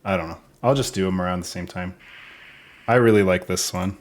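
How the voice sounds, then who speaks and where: A man's voice: deep voice, a little fast. A young man giving casual developer commentary over his game, thinking aloud and unsure of the order.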